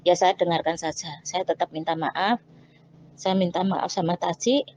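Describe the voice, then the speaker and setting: A woman's voice: lowish voice, steady tone, normal speed, darkish tone, slight background noise. A woman, telling a personal testimony with quoted dialogue and frequent restarts. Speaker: testimony speaker. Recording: dull lo-fi recording.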